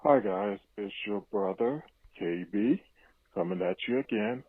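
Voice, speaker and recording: A man with a lowish voice leaves a laid-back voicemail for a podcast at a measured pace, hyping up his reactions to a show. It's played back over a phone line, sounding tinny and dry.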